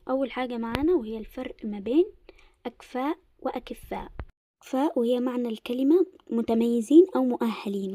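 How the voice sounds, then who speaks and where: A young woman with an Egyptian Arabic accent teaching an Arabic lesson in a casual explanatory way, slowing down to stress word pairs. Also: a little high, dark tone, no echo.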